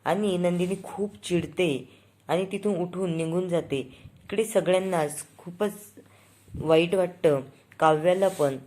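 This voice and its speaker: Woman recap narrator, chatty and casual, lowish pitch. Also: unhurried, warm tone. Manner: chatty, storytelling. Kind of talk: casual plot retelling.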